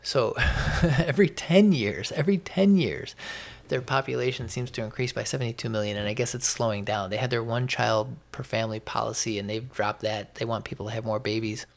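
Speaking as a podcast host, an American man gives an unscripted opinion monologue in a creaky, mid-range voice. His manner is emphatic yet halting, and he frequently repeats phrases for effect.

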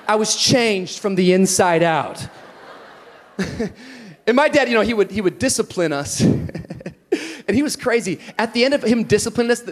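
A male pastor preaching an animated sermon, telling stories with humor and rising to emphatic shouts. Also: sits high.

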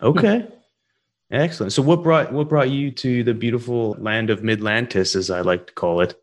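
A man's voice: mid-range voice, normal speed. A man hosting an interview, rambling through his questions with many fillers. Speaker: interview host. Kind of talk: casual interview.

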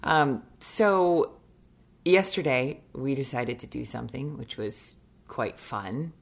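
A young woman chatting casually as a podcast co-host, her voice sitting extremely low and sounding groggy. She talks loosely, with plenty of ums and easy laughter. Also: takes it slowly, vocal fry. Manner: chatty, laughing often, many fillers. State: groggy morning voice. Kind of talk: casual chat.

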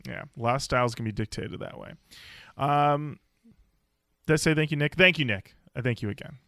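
A man co-hosting a podcast, chatting casually and telling jokey stories in an animated way. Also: medium pitch, fairly quick, creaky, no echo, studio quality. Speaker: podcast co-host.

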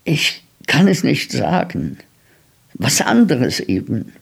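A man voicing a frightened, stubborn nine-year-old boy in a storybook reading, hesitant and halting. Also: medium pitch, huge pitch swings, vocal fry, husky, exaggerated voice. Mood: guarded.

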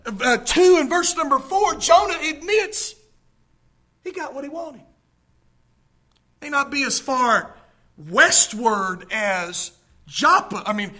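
High-voiced preacher, dramatic swings. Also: male voice, big pitch swings, takes it slowly, pauses often. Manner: dramatic preaching, rising to shouts and dropping to whispers. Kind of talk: sermon. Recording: podcast sermon recording.

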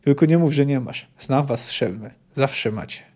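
A man's voice: medium pitch, normal speed, a little mellow, husky, natural voice. A man reading the lines of a frightened but defiant male halfling surgeon who speaks shakily yet firmly. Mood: weary. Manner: shaky yet firm.

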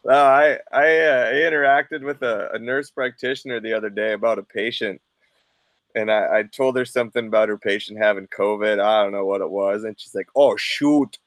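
Fairly quick and lowish in pitch, this man's voice carries a Minnesota accent from the Upper Midwest; he hails from southern Minnesota. He tells stories with lots of animation on a casual podcast, doing voices and laughing a lot, recorded with no room sound.

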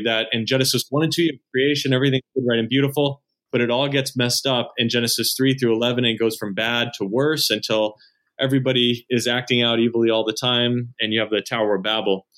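A man's voice: mid-range voice, steady tone, a little fast, fairly bright tone. Earnest man explaining in a podcast. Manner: earnest, explaining step by step, with some restarts. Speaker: church leader and podcast guest. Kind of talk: explanatory conversation.

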